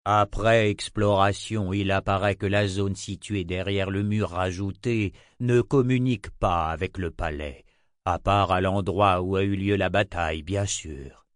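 A man reading an audiobook, voicing an old prophet who speaks slowly and calmly. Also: deep voice, dry recording, clean studio sound. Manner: slow, measured. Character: old male prophet, calm and measured.

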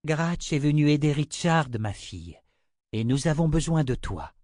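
A man reading the part of a gentle mother who calmly reassures her young daughter. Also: a little high, normal speed, no room sound, clean studio sound, pitched above the performer's own voice, close to an everyday voice. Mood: soothing. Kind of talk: audiobook character reading.

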